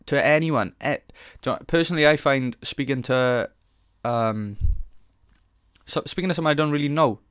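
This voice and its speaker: A man's voice: mid-range voice, moderate pace, a bit bright, clear, resonant tone, no echo, clean studio sound. A young man hosting a casual solo podcast, rambling frankly with lots of swearing, fillers and restarts as he thinks aloud. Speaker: podcast host.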